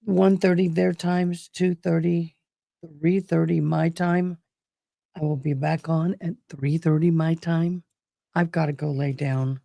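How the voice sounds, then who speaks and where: With a low, warm voice, steady tone and vocal fry, this weary woman speaks a little slowly while hosting a casual livestream about a trial, recorded with no room sound. Her voice is strained and tired, but she addresses her viewers fondly as babe and love.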